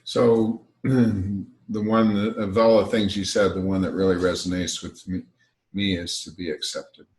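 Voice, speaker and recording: A man's voice: low voice, flat delivery, a little slow, darkish tone. A man co-hosting a casual self-growth chat, with dry, teasing humor. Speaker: co-host.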